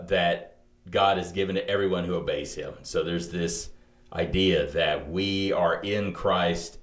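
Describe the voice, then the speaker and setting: A man co-hosting a podcast, talking through theology in an animated way, thinking aloud with many restarts. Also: low voice, roomy sound. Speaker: podcast co-host. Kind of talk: theological conversation.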